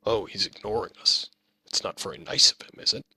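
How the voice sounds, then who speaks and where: A man's voice: fairly low pitch, a little fast, creaky, pushed and bright, breathy edge, heavily acted. A man voicing a big fifteen-year-old bully boy who taunts and mocks in an audiobook. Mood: taunting. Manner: mocking, taunting.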